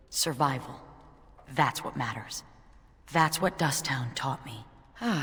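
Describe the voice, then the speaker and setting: Earnest, low-voiced warrior survivor. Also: female voice, in a large hall. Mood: sombre, reflective. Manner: earnest, wondering, reflective. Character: earnest, curious young woman warrior, sombre survivor. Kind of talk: video game character acting.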